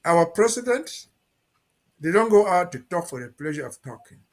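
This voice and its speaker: A man with a somewhat higher-pitched voice speaks as a barrister guest. He delivers his points emphatically, with a cautionary edge. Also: big pitch swings, moderate pace. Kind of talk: interview statement.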